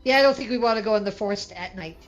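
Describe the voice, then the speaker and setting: Mid-pitched woman, casual tabletop player. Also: rapid-fire, faint music behind. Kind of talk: casual chat.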